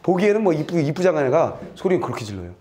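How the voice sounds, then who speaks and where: A middle-aged man lecturing on a test passage in a lively, playful way. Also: on the high side, rapid-fire. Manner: lively, playful, acts out little scenes and sound effects. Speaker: Korean literature tutor. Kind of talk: lecture with acted examples.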